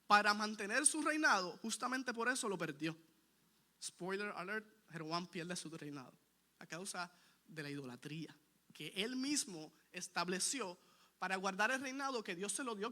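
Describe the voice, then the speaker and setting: A man with a high, bright, forceful voice preaches a sermon. He is earnest and emphatic, driving his points home by repeating them, and he turns to the listeners with direct questions.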